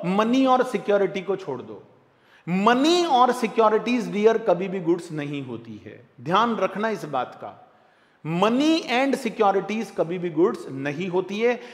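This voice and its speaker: A man with an Indian accent giving a classroom lecture on tax, lively and repetitive, often calling his students "dear". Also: high-pitched, a little slow, long reverb tail.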